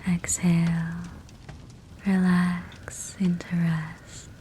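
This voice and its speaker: A woman guides a sleep meditation in a low, soft, breathy whisper, speaking very slowly. Her gentle, soothing phrases are short, separated by long pauses, while a fireplace crackles steadily behind her.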